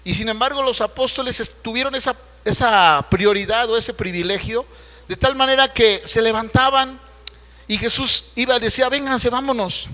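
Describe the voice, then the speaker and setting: Pastor telling bible stories at sunday service, high voice, big church echo. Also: male voice, moderate pace, sharp tone. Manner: conversational storytelling preaching, with rhetorical questions. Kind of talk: Sunday sermon. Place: church sanctuary.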